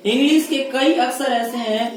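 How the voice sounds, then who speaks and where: A man's voice: extremely high pitch, moderate pace. A male teacher with a Rajasthani accent, patiently drilling his pupils with repeated questions during a classroom lesson. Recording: echoey classroom from far off. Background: pupils answering in chorus.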